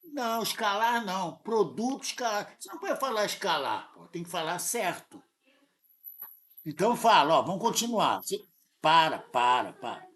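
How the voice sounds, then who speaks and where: A man's voice: high voice, big pitch swings, moderate pace, a bit bright. A man with a Brazilian Portuguese accent tutoring a student in math, insistent and correcting them often. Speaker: math teacher. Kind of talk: live tutoring lesson.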